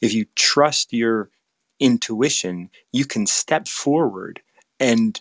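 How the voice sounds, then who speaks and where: A man's voice: mid-range voice, animated, slow pace, a bit bright, dry recording. A man hosting a casual spiritual chat, talking in a rambling, reflective way with frequent restarts. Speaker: host.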